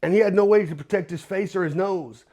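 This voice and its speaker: A man, a former pro wrestler, telling behind-the-scenes stories in a casual, animated vlog, acting out voices and sound effects. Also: high-pitched, quick pace, highs cut off.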